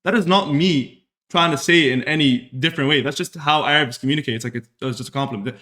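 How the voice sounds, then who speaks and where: A young man from Saudi Arabia talks to his live stream chat in a casual, earnest way. He circles back and repeats himself as he reflects. His voice sits slightly high for a man. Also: quick pace, bright, forceful tone. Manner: earnest, repetitive, self-reflective. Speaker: streamer hosting a podcast.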